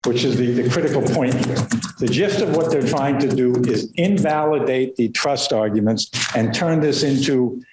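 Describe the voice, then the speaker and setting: Halting male lawyer in an echoey courtroom. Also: medium pitch. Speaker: lawyer arguing before court. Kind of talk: formal oral argument. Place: indoor courtroom. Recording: echoey courtroom, faint background noise.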